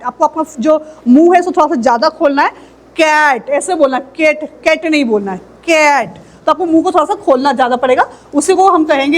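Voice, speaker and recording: A woman teaching an English phonetics lesson, explaining patiently and saying model words slowly for learners to repeat. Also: high voice.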